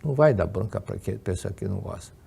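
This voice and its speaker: A deep, warm, husky voice with a creaky edge belongs to an older man with a Brazilian Portuguese accent who talks fast and expressively. As a religious lecturer, he tells stories and fields questions, often repeating and restarting words.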